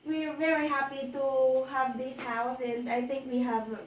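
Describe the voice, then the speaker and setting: A Filipino woman with a high, slightly hoarse voice and little pitch movement narrates her house tour in casual vlog style, going from the patio to inside. Chatty but halting, she repeats phrases and clears her throat. Roomy echo, a distant microphone and background noise mark the audio.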